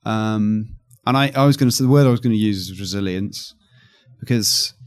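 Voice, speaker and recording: A man's voice: fairly low pitch, moderate pace, clear, resonant tone. A man, an accelerator executive, talking through his ideas in a casual interview with frequent restarts and fillers. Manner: thoughtful, with many restarts and fillers.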